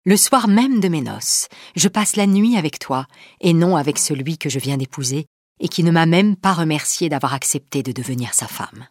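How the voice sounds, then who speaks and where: A woman plays a proud young queen in a storybook reading. She keeps her husband at a cool, formal distance, her low voice close and dry. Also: expressive, moderate pace, no room sound.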